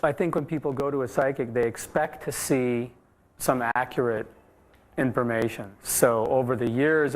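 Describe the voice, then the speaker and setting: Explanatory man, faint noise behind him. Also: mid-range voice. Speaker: former medium turned skeptic. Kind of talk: explanatory interview talk with demonstrations. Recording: faint background location noise.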